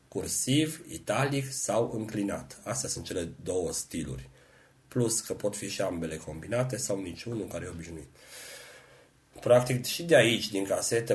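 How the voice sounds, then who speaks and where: A man's voice: low-pitched, darkish tone. A middle-aged man patiently teaching a computer lesson, explaining each keystroke step by step. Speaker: computer skills instructor.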